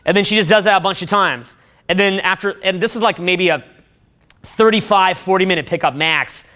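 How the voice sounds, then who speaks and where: A man's voice: sits high, a little fast, sharp tone. A man giving a profane, boastful talk to a room of men about dating, often laughing at his own stories.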